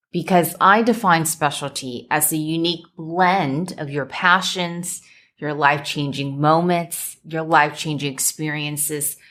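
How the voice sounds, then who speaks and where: A woman with a notably low voice hosts a solo podcast on a microphone. Measured and deliberate, she stacks her ideas into emphatic lists as she coaches her listeners. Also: fairly bright tone. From United States. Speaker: podcast host and business coach. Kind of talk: solo motivational podcast talk.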